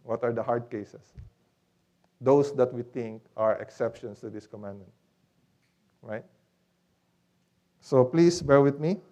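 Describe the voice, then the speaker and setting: A man's voice: mid-range voice, takes it slowly, long pauses, mellow. Man preaching an explanatory sermon. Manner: teaching step by step, with rhetorical questions. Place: church.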